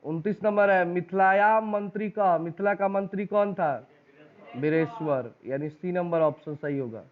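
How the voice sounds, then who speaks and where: A man's voice: high voice, normal speed. A male teacher with a Bihari Hindi accent takes a class through exam questions. He reads each question and its options, then asks the class for the answer and repeats it back. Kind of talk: exam-prep lesson, reading out quiz questions and options. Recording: tinny phone-like recording.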